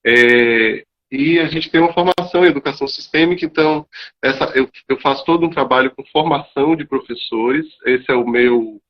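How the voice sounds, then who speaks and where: A calm, articulate man, answering questions on a live video call. His voice comes through dull and lo-fi, with little top end. He speaks at a middle pitch, steady and reflective. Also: a little fast. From Salvador, Bahia, Brazil. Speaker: guest, teacher.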